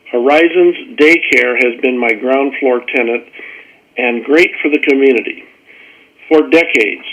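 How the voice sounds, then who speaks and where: A man, older, calling in over a phone line to give public comment, halting and apologetic at first, then reading a prepared statement. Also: medium pitch, a bit bright. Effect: heard over a phone call-in line. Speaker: caller giving public comment.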